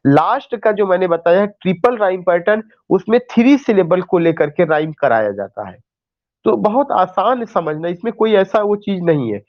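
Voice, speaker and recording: A man's voice: high-pitched, animated, moderate pace, lo-fi sound. A male teacher giving an online class lecture, explaining step by step with rhetorical questions and mixing in English terms.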